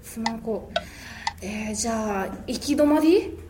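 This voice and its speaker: A woman with a Kobe dialect co-hosting a casual radio chat, polite and steady. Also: a little high, a little slow, reverberant, noisy background. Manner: polite, answers with steady short replies. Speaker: radio co-host.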